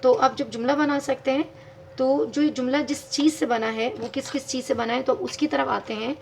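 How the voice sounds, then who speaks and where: A woman's voice: high voice, steady tone, normal speed, vocal fry, a little mellow, a little hiss or hum. A woman teaching English grammar in a video lesson, patiently explaining step by step and spelling words out letter by letter.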